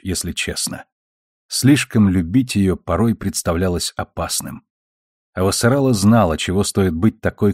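A man narrating an audiobook in a calm, measured way. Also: sits low, husky, dry recording, studio quality.

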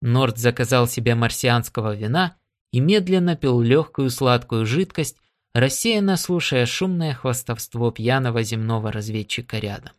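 A man reading an adventure audiobook aloud in steady storytelling narration. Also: medium pitch, normal speed. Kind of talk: scripted narration.

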